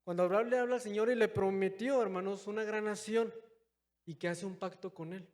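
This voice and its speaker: A young man preaching a sermon in a church, calling his listeners brothers and moving between loud, stressed phrases and quiet, low asides. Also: steady tone, fairly quick. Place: church hall. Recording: long hall reverb.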